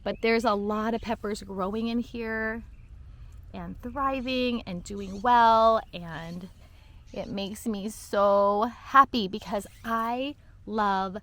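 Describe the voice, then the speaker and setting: A woman's voice: mid-range voice, takes it slowly, fairly bright tone. A woman giving a casual walk-and-talk tour of her vegetable garden, chatty and bubbly, laughing at her own slips, recorded outdoors on a camera she carries.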